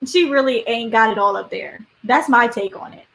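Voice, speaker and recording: A woman's voice: fairly high pitch, normal speed, a bit bright, slight background noise, low-quality recording. A woman co-hosting a casual panel chat, talking bluntly and heatedly with plenty of slang. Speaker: podcast co-host.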